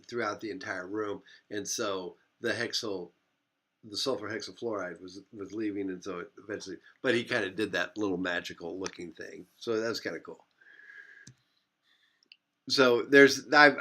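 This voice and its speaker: A physics instructor gives a classroom lecture in a lowish, slightly bright male voice. He rambles, corrects himself, and keeps repeating phrases.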